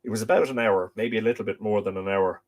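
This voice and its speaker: Hosting a live stream, a middle-aged Irish man chats casually, his voice croaky from a chest infection. He rambles quickly, full of fillers and restarts, in a fairly low register.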